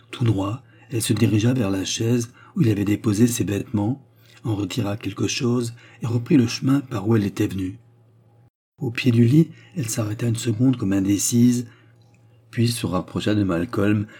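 A man reading a novel aloud in steady, measured scripted narration. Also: on the low side, breathy edge. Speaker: audiobook reader.

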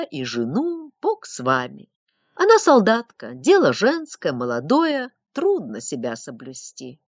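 A meek, wronged young husband, played by a woman reading aloud, speaks in a plaintive, pleading tone with lively pitch. The recording is muffled and lo-fi, with a dry, close sound. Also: no room sound, full character voice. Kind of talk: audiobook reading of a classic story.

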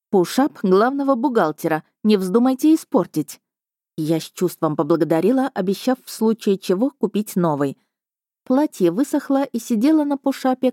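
Woman audiobook narrator, lowish voice, dry close recording, expressive. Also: no echo.

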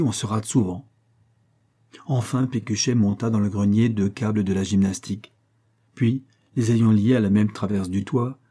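A man narrates a classic novel in a measured audiobook reading. His voice is low and husky, with a dark, mellow tone. The delivery stays even and literary.

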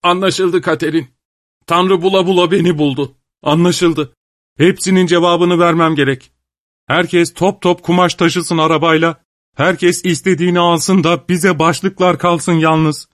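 A man voicing an agitated, grasping legless man who shouts in a choked, frantic way, raised well above his own reading voice. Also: fairly high pitch, steady tone, a little slow, no room sound, studio quality, voice pushed up, lightly acted.

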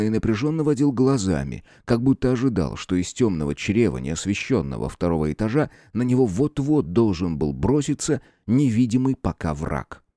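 With a dry, studio-quality recording, this lowish-voiced man narrates an audiobook from a script, bringing an expressive and wryly humorous touch to the storytelling.

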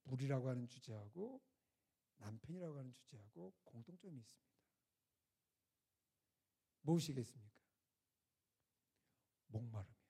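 Dark-voiced preacher telling a lively sermon. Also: mid-range voice, moderate pace, long pauses, husky. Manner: asks the audience rhetorical questions; retells scripture dialogue in a lively, conversational way. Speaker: preacher at a winter retreat. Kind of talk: storytelling sermon.

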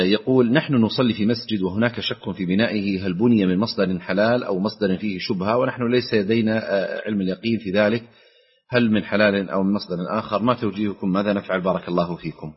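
A man presenting a radio program, reading listeners' letters aloud in a formal, rapid manner. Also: fairly low pitch, fairly even intonation, slightly rough. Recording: dull lo-fi radio broadcast.

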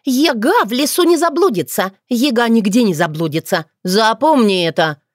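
A woman narrator voicing a cheeky, sharp-tongued young witch who talks boldly and sassily. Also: a little high, animated, normal speed, no echo, clean studio sound, voice pushed up. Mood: sassy. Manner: bold, sassy and indignant.

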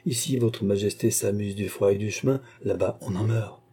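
A man's voice: lowish voice, fairly even intonation, normal speed, warm tone, breathy edge. Man playing an earnest young soldier. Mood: earnest, grave. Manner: restrained, serious.

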